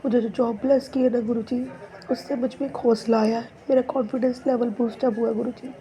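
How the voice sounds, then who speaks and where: A woman's voice: a little high, level tone, a little fast, dark tone, rough recording. A young woman offering a repetitive, pleading devotional prayer of thanks.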